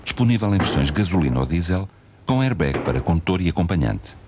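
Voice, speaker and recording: A man reading a car commercial voice-over in a calm, measured, slightly wry way. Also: low voice. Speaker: announcer. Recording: noisy VHS broadcast audio.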